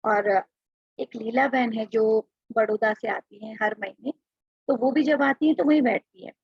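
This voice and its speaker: A woman's voice: a little high, creaky, breathy edge, no room sound, muffled recording. A woman chatting through a personal devotional testimony, often acting out what she said to others. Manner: chatty, quotes herself aloud. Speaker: devotee sharing experiences.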